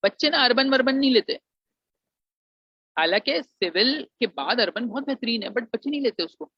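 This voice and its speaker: A Pakistani engineering alumnus gives admission advice in an informal explanatory lecture, his voice extremely high-pitched, expressive, slightly rough, and at normal speed. He mixes English phrases into his Urdu and calls the students "beta." The recording is dry and muffled.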